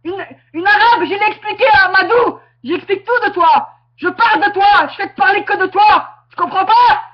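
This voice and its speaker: A woman ranting angrily into her webcam. She is confrontational and repeats herself, breaking into shouting. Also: extremely high pitch, moderate pace. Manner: confrontational, repetitive, bursts into shouting. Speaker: webcam vlogger. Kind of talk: angry direct-to-camera rant. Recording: muffled webcam audio.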